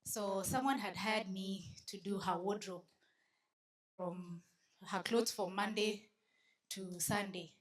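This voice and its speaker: Lively Kenyan woman telling a story. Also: medium pitch, takes it slowly, long pauses. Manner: lively storyteller, switching between English and Swahili and teasing the audience. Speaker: conference speaker. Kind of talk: storytelling talk to a live audience. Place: conference venue.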